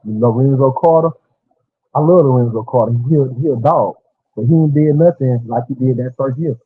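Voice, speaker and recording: A man calling in to a casual sports chat, his voice muffled as if through a wall, giving blunt, quick opinions. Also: mid-range voice, breathy edge. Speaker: call-in guest. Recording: muffled phone-like call line.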